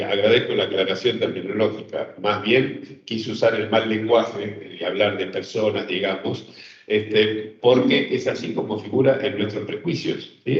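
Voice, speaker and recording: A man teaching an online psychoanalysis seminar, talking thoughtfully with many fillers and checks to his listeners. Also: on the low side. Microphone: video call. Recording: roomy, dull online call audio.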